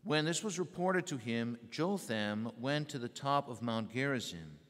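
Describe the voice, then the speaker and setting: Priest reading the mass, slow and solemn, big echoey church hall. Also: male voice, mid-range voice, lively intonation, a bit bright. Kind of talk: liturgical recitation. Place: large church.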